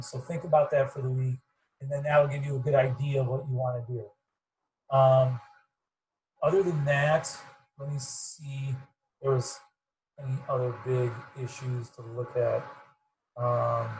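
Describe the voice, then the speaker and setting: A man coaching runners over a video call, rambling and repeating himself in a fairly monotone voice, sounding muffled and fuzzy. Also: medium pitch, slight background noise. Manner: rambling, repeats words, self-described monotone. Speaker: running coach. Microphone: computer mic on video call.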